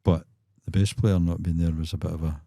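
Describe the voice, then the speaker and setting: A man's voice: low-pitched, little pitch movement, brisk, vocal fry, mellow, dry recording, studio quality. A Glaswegian man in his sixties, a musician guest on a podcast, telling road stories with chuckles and acted-out quotes. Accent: Scottish, Glaswegian. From Scotland. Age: 60s. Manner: chuckling raconteur, acts out quotes. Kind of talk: anecdotal storytelling in a podcast.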